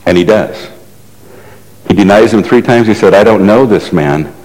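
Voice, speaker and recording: A man with a very low voice preaches a sermon, telling the story in a casual, conversational way. He keeps turning to the congregation with rhetorical questions. His voice rings out with a long hall reverb. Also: moderate pace, a little mellow.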